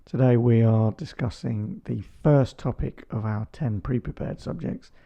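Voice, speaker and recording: Man, 30s, podcast co-host, teasing jokester, middle pitch, muffled audio. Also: unhurried, vocal fry, dark tone. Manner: joking, teasing. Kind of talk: casual couple chat.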